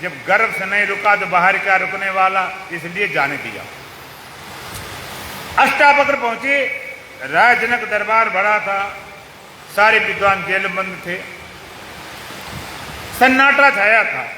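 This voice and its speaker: A man's voice: high voice, lively intonation, measured pace, pauses often, pushed and bright, roomy sound, big-room sound, slight background noise, poor audio. A male swami telling a story in a sermon, emphatic and declaiming. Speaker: swami, spiritual preacher.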